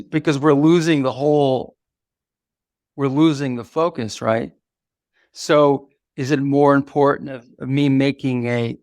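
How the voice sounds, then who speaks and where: Gravelly older man, halting storyteller. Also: mid-range voice, no room sound. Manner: halting, full of restarts and fillers. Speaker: guest, activist mentor. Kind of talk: reflective storytelling in conversation.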